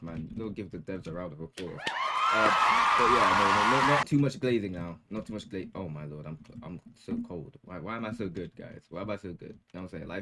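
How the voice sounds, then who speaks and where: A man's voice: lowish voice, sharp tone, slight background noise. Hyped young male gaming commentator. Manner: hyped, joking, slangy. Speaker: gaming YouTuber. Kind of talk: casual gameplay commentary.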